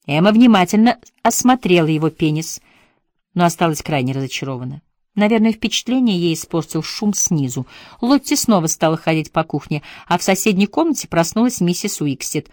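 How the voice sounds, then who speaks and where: A woman calmly narrating an audiobook in an even storytelling manner. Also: on the low side, fairly quick, no room sound, clean studio sound. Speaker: audiobook reader. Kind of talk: scripted narration.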